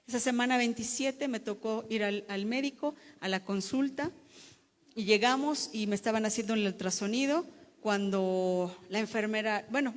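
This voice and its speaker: A woman's voice: a little high, long reverb tail. A woman giving an emotional church testimony as a pastor's wife, telling her story with repetitions and restarts.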